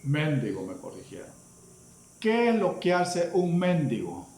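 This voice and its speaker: A Salvadoran man preaches a sermon at an unhurried, emphatic pace. His voice sits somewhat high and rings through an echoey church room. He keeps turning to the congregation with questions. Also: huge pitch swings, a little mellow. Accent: Salvadoran Spanish. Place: church hall.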